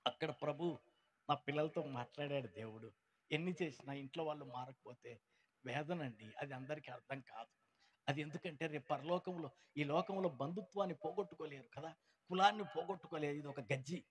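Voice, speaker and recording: A man telling his conversion story at a gospel meeting, swinging between loud outbursts and hushed lines and acting out the people he quotes. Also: on the high side, brisk, slightly rough. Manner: acts out quoted people in changed voices. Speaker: testimony speaker at a gospel meeting. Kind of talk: emotional church testimony. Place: church meeting.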